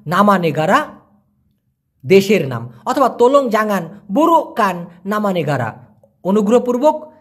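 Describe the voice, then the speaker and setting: A husky-voiced man teaches a casual language lesson. He talks with a lively, swinging pitch, and he breaks foreign words down slowly and repeats them with patience.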